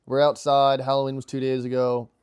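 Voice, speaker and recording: A male podcast co-host chatting casually outdoors by a campfire. His voice is mellow and dark, and he rambles with frequent restarts. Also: medium pitch, completely flat delivery, brisk, smooth. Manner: rambling, lots of restarts and laughs. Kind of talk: casual chat.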